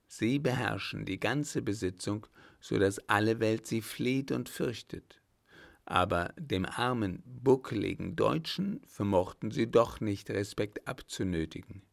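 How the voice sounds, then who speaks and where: Audiobook role: a man playing a cool, unflappable hunchbacked scholar, slow and gravelly. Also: lowish voice. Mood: calm. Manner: cool, polite, measured.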